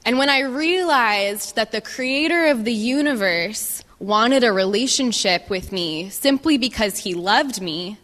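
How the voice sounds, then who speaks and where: A woman giving a personal testimony as a guest speaker, speaking in measured phrases and pausing for an interpreter. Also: on the high side, a bit bright. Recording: reverberant hall.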